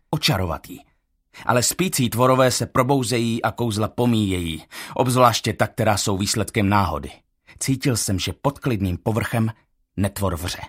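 A man reading a first-person audiobook in a measured, tense storytelling manner. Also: fairly low pitch, a bit bright, breathy edge. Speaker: audiobook narrator.

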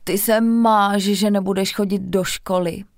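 A woman's voice: mid-range voice, steady tone, no room sound, studio quality, close to an everyday voice. A woman voicing a timid, easily frightened schoolgirl. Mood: wondering. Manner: worried, wondering.

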